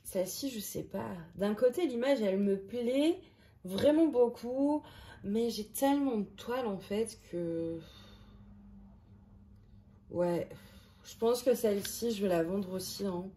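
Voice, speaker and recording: Casual woman vlogger, chatty and self-mocking, mid-pitched, home recording with clear background noise. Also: takes it slowly, pauses often, dark tone. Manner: chatty, self-deprecating, thinking aloud. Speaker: crafting vlogger. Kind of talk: casual chat.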